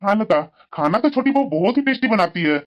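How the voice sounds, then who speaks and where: A woman voicing a mild-mannered older father-in-law in a cartoon, giving calm advice. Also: medium pitch, brisk, close to an everyday voice. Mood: advising. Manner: mild, advising. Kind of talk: cartoon voice acting. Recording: dull lo-fi sound.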